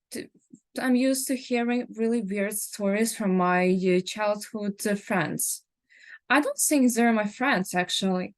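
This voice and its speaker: Woman, English, fairly high voice, slow pace, hesitant, spooky storytelling. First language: not English. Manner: halting, hesitant delivery with searched-for words. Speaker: speech contest participant. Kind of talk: spooky personal storytelling in a contest.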